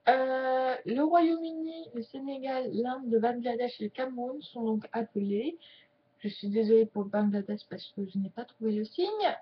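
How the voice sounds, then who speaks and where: A woman chatting casually to camera as a sign language YouTuber, joking and slowing her words as she signs. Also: a little high. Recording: dull lo-fi sound.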